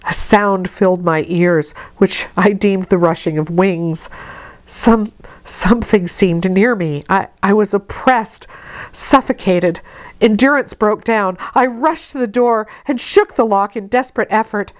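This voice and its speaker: A woman narrating a classic novel in a measured, expressive reading. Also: medium pitch. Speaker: audiobook reader. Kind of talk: scripted narration.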